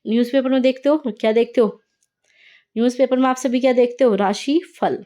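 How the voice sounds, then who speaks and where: A woman teaching an online exam-prep lesson, brisk and explanatory, checking in often with her students. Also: a little high, steady tone, mellow.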